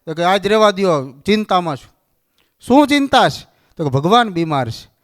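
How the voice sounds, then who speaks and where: Animated Kathiawadi Gujarati storyteller man. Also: high-pitched, brisk. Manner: animated storyteller acting out dialogue. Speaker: religious speaker. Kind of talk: storytelling sermon.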